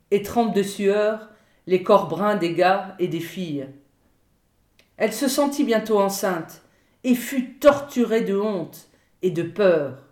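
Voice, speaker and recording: Une femme qui lit un récit littéraire, avec une narration mesurée et vivante. Elle parle avec une grande lenteur. L'enregistrement est très réverbéré. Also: female voice, mid-range voice. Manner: measured, expressive storytelling. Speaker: audiobook reader. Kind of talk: literary narration. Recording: roomy echo.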